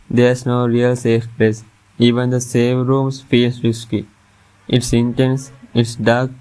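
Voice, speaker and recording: A man narrates a scripted top ten countdown over background music, his mid-range voice a little mellow, clear and resonant. The audio quality is poor.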